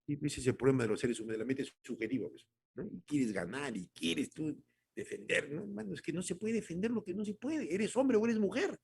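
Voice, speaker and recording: A male pastor preaching a devotional sermon. He calls his listeners brothers, repeats phrases for emphasis and moves between loud exhortation and quiet, low remarks. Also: expressive, fairly quick, gravelly, husky. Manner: swings from loud exhortation to soft, low delivery.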